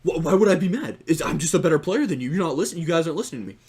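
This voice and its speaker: A man's voice: medium pitch, very animated, unhurried, a bit bright, slightly rough, exaggerated voice. A young man imitating an angry, smug male teammate, sounding indignant and defensive.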